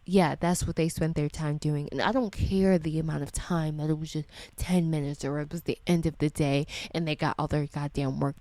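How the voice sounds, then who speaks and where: Woman, fed-up educator doing reaction commentary, mellow low tone, unhurried swearing rants. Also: no room sound. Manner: indignant, profane ranting; repeats rhetorical questions.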